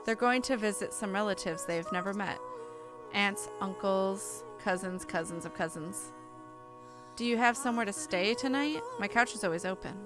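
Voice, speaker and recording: A woman speaks at normal speed in a medium-pitched voice while live-streaming a game, game music underneath. She reads the story text expressively and fills the gaps with casual, self-interrupting chatter.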